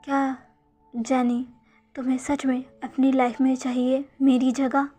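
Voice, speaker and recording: A woman doing a hurt young man, hesitant and wounded, high-pitched, faint music behind. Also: little pitch movement, unhurried, warm tone. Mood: hurt, serious. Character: young man, insecure, hurt, tearful lover.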